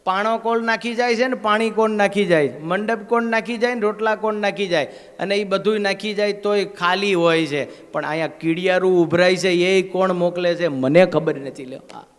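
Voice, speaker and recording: A man's voice: high voice, normal speed, smooth. A man giving a temple sermon as a swami, telling stories in a conversational way and asking the crowd questions. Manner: conversational storytelling, asks the crowd "હા?". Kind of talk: devotional sermon. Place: temple gathering. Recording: long hall reverb.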